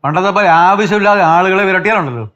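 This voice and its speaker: A man's voice: sits high, very fast, a bit bright, muffled recording. An actor playing an old grandfather in a family sitcom, a patient storyteller who teases the children and turns firm when he scolds his wife. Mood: chiding. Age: older. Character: genial old grandfather, teasing and steady. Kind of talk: sitcom acting.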